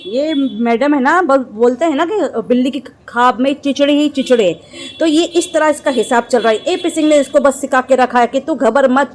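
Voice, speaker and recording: High-voiced woman in a scolding rant. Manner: scolding, insulting, mocking rant. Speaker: vlogger commentator. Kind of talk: angry reaction commentary.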